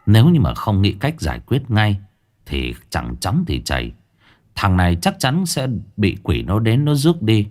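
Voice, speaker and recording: A man narrating a ghost story in a lively, colloquial storytelling manner. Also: fairly low pitch, normal speed.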